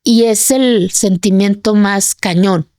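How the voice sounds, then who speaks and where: A passionate woman from Oaxaca, Mexico, tells her own story in an interview, emphatic and fervent, often tagging her lines with a questioning "you know?". Her voice sits at a middle pitch, recorded close and dry with no room sound. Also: slow pace, mellow, no room sound. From Sierra Sur of Oaxaca, Mexico. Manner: passionate, emphatic, frequent "¿sabes?" tags. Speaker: guest, activist.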